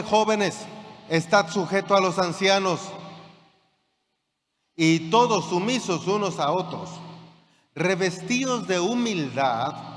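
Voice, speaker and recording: A man with a high, ringing voice preaches a fervent sermon. He keeps asking his listeners if they follow him. His voice trails off into the long reverb of a church hall, with a faint murmur of the room underneath. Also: slight background noise. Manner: preaches with rising fervor, asks the congregation if they follow. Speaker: pastor.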